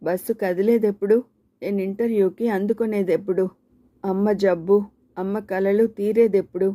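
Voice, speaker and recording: A woman reading a short story aloud as first-person narration, in a steady, measured way with even pauses. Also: medium pitch, no echo.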